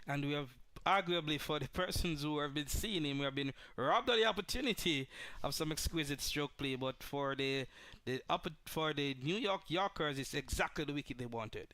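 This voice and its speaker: Higher-voiced male cricket co-commentator. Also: sharp tone. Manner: measured, explanatory, with frequent murmured agreement. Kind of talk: live sports commentary analysis.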